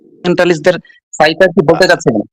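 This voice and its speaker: A man in an online voice-chat debate, his speech halting and choppy as the connection breaks up. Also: fairly high pitch, no room sound, low-quality recording. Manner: halting, quick, full of fillers and restarts. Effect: choppy, breaking-up internet call audio. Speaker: debate participant on an online call.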